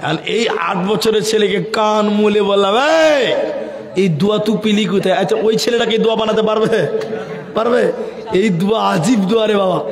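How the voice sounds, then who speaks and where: A high-pitched male preacher from Assam with an Assamese Bengali accent, telling animated stories and chanting verses in a sung tone. His voice rings out with a long, echoing reverb, as though carried over loudspeakers to a large gathering. It is a live sermon, delivered with plenty of theatrical voicing. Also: brisk. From Assam, India. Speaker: Islamic preacher. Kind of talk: live open-air sermon. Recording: echoey public-address sound with long reverb.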